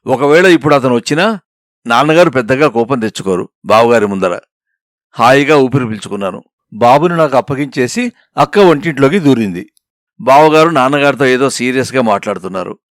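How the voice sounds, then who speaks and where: A man reading a story aloud as narrator, in an expressive, emotive storytelling manner. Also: medium pitch, a little fast, no echo, studio quality. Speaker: story reader.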